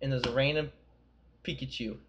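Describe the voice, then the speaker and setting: A man's voice: medium pitch, steady tone, moderate pace, a bit bright, dull audio, a little hiss or hum. A young man co-hosting a podcast, telling rambling, profane stories in casual chat. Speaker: podcast co-host.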